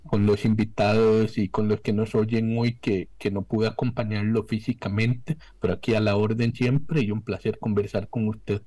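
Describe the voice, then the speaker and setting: A young Costa Rican man with a Costa Rican accent, answering as a radio guest over a remote call. He speaks articulately and softens his s sounds. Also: fairly low pitch, little pitch movement, moderate pace, hardly any pauses, no room sound, rough recording. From Costa Rica. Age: young adult. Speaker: economist guest. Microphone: remote video call.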